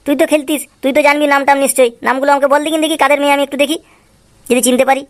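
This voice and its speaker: A woman's voice: steady tone, racing, natural voice. A woman doing a two-faced cartoon father. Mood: curious. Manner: coaxing aloud, cursing in low mutters. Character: scheming father, sweet to son, grumbling aside. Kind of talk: Tweencraft cartoon voice acting. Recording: music playing behind the voice.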